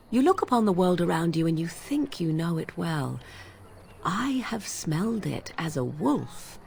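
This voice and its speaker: A proud young witch of the wilds, cool and sardonic, with formal, archaic turns of phrase. Her voice sits on the low side but moves expressively, with a faint hiss of noise under it. It is fantasy video game dialogue. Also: creaky, darkish tone, exaggerated voice. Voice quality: haughty, formal archaic speech. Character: aloof, sardonic young woman witch and shapechanger.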